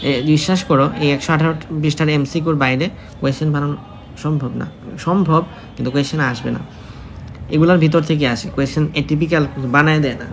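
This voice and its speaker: Brisk fast-talking male tutor. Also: a little high, fairly even intonation, slight background noise. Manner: chatty, repeats key points, addresses student directly. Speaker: exam prep teacher. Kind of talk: casual spoken lesson.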